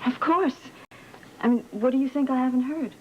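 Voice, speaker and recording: A woman's voice: high-pitched, moderate pace, a little hiss or hum, close to an everyday voice. An actress playing a proud, defensive, guarded young woman in a television soap opera. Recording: dull old TV soundtrack, music underneath.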